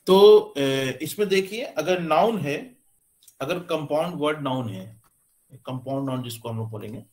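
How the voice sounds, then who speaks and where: Man teaching with many pauses. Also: on the high side, darkish tone. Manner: explains slowly with many pauses and fillers, pointing at board. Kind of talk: classroom lecture on English stress.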